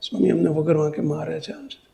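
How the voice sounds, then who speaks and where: Gujarati guru type guy preaching, gravelly voice, kinda high, tells stories and quizzes the crowd. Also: expressive, fast, dark tone. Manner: storytelling, asks the audience questions. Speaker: guru giving a religious discourse. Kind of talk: sermon.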